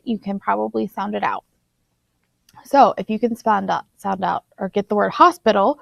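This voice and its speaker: A woman teacher recording a vocabulary lesson, slowly enunciating and spelling out words. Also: mid-range voice, vocal fry, dry recording. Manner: slow, deliberate word-by-word spelling and enunciation. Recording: dull lo-fi recording.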